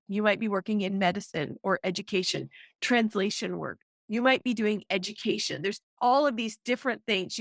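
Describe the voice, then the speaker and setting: A middle-aged woman, a guest author and counselor, explaining with excited emphasis in a podcast interview. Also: mid-range voice, no echo, studio quality.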